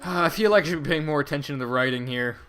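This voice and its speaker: A man with a slightly high voice gives casual commentary as he plays a game. He is wry and likes quaint, old-fashioned turns of phrase. Faint game music plays behind him. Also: quick pace, a bit bright. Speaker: gameplay commentator.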